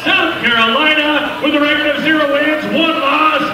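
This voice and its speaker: A man making formal fight introductions as a ring announcer, in a grand old ballroom manner with drawn-out names. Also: very high voice, steady tone, crowd noise. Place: large indoor fight venue. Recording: very echoey, noisy arena PA, distant. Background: loud noise.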